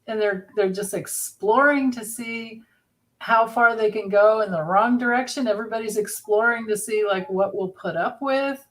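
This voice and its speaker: A woman's voice: a little high, moderate pace. A woman reading cards in a casual group chat, rambling and restarting. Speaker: card reader.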